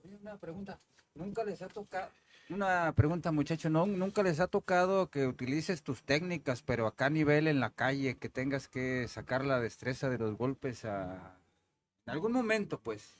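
A man's voice: fairly high pitch, animated, normal speed. A male co-host, asking questions in a casual, rambling way. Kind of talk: casual podcast interview.

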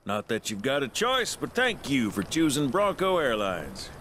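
A man's voice: medium pitch, wildly swooping pitch, moderate pace, a bit bright, slight background noise. An actor voicing a brash, cheery male pilot with a showy, folksy manner.

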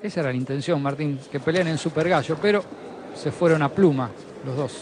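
Male boxing commentator over clear venue noise. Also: a little high, fairly quick, darkish tone. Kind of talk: conversational live sports analysis.

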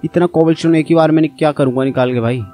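A man's voice: a little high, steady tone, quick pace, warm tone, soft background music. A young man giving casual, chatty commentary on his own gameplay and talking straight to his viewers. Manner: chatty, addresses viewers as brother. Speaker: gaming channel host.

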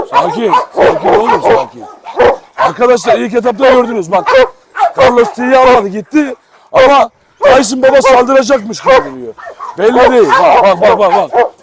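Man, high voice, casual outdoor vlog, noisy yard. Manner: talks to viewers and coaxes dogs affectionately. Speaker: dog farm vlogger.

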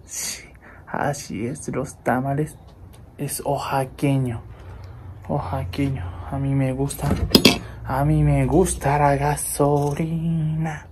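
A young Japanese man with a Japanese accent vlogs casually, filming himself on a phone held at arm's length and wearing wireless earbuds, repeating words and calling viewers his friends. His medium-pitched voice is flat and slow, starting on a city street with traffic noise behind him before moving indoors to a table.

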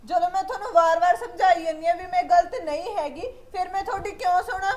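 A woman's voice: extremely high pitch, fast talker. An actress playing a young wife who protests and defends herself against her husband's jealous accusations. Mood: indignant. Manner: protesting, indignant.

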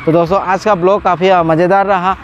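A man's voice: high-pitched, highs cut off, slight background noise. A man in his forties with a cold, chatting casually as he vlogs at an outdoor water park, filming himself by phone at arm's length. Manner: chatty, excited, laughs often, many filler pauses. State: has a cold. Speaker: vlogger. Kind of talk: casual vlog commentary. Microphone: phone selfie at arm's length.

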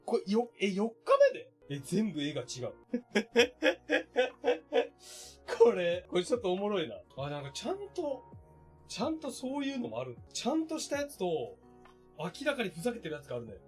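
A man unboxing products on a stream, chatting casually and exclaiming in surprise with rough, informal speech. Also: sits high, huge pitch swings, fast talker, darkish tone, faint music behind.

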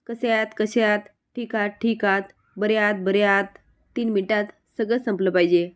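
A moody, dramatic brother, read by a woman narrator in a serial recap. He teases and haggles in a playful tone, kept in her own middle-pitched voice. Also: fairly even intonation, moderate pace, smooth, lightly acted. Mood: teasing. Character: moody grown man, teasing, stubborn brother.

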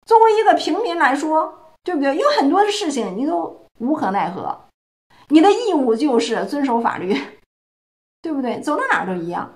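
A woman's voice: high voice, big pitch swings, normal speed. A woman from China giving a solo political commentary, emphatic and full of rhetorical questions. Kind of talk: solo opinion monologue.

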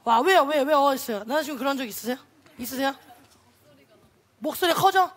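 A woman's voice: high voice, lively intonation, fairly quick. A woman in her thirties doing stage comedy, bossy and teasing, firing questions at the audience. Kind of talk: stand-up comedy duet on stage.

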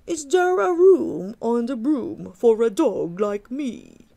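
Keen friendly male dog, storybook, loud and bouncy, lively pitch, slow, voiced by a woman reader. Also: gravelly, exaggerated voice. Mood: eager.

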